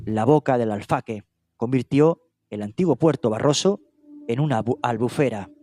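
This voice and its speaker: A man's voice: mid-range voice, normal speed, warm tone. A man narrating a true-crime case in documentary style, reading steadily with small hesitations and self-corrections. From Spain, not Catalonia. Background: music.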